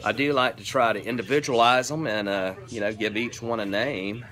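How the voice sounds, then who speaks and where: A man's voice: mid-range voice, fairly even intonation, a little fast, fairly bright tone. An American man in his fifties chatting casually to camera in a folksy, laid-back way with playful catchphrases, as host and hobby pipe maker. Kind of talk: casual vlog chat. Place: covered porch outdoors. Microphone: camera or phone at arm's length. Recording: faint radio music behind voice. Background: local radio playing music.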